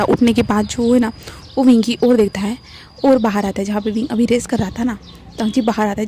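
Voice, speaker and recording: A woman's voice: a little high, background noise. A woman casually narrating a fan-fiction story in a chatty way, with fillers and tag questions.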